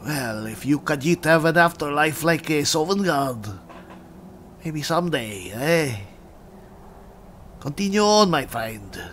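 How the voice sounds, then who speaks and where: Man acting as barbarian comrade, hearty and bawdy, unhurried, forceful tone, game role-play. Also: a little high, expressive, slight background noise. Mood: companionable, advising.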